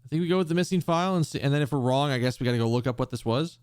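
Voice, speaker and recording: A man's voice: medium pitch, rapid-fire, a little mellow, clear, resonant tone, dry recording, studio quality. A man giving casual game commentary, thinking aloud in a hesitant, questioning way. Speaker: gamer playing and reading aloud a visual novel.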